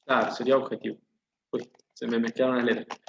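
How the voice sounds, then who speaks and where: A man's voice: medium pitch, flat delivery, fast, gravelly, a little hiss or hum. A man teaching an online class, patiently explaining and putting questions to his students. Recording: dull, echoey room audio.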